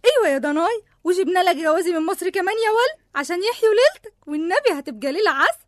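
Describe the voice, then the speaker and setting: The mayor's sharp-tongued wife fires back quick Egyptian retorts at breakneck speed. Her voice is very high, and the sound is dry. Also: expressive, no echo. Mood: bickering.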